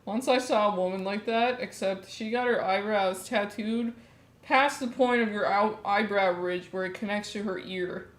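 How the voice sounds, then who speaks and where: A woman's voice: mid-range voice, moderate pace. A woman with a nasal voice, joking and laughing in casual livestream chat. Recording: roomy, faint background noise.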